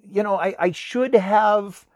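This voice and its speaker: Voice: mid-range voice, takes it slowly, darkish tone. An American audiobook narrator telling a story in a casual podcast chat, with laughing asides.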